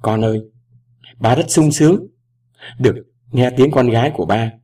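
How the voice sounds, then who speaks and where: A cautious, tender older father and ambassador, as a male reader puts him on, speaking in careful, measured phrases. His voice is slightly husky and heard from some way off the microphone. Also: mid-range voice, mellow, close to an everyday voice. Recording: voice distant from the mic.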